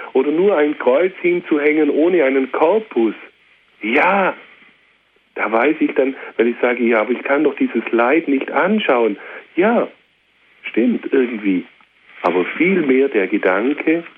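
Man, radio sermon, fervent and repetitive, tinny phone-like sound, faint hiss. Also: medium pitch. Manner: fervent, repetitive, direct appeals. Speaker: preacher.

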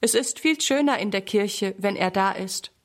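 A woman's voice: mid-range voice, normal speed, lightly acted. Woman reading as a serious little girl, matter-of-fact, storybook. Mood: earnest. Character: earnest, thoughtful little girl.

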